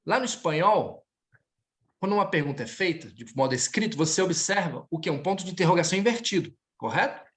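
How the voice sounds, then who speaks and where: Male language teacher, patient drill style, live online class, corrects students between languages. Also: high voice. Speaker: French teacher.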